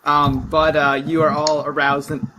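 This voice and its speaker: Man running a tabletop game, slightly high voice, stumbling restarts, noisy home mic. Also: little pitch movement. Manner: halting, many restarts. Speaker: game master.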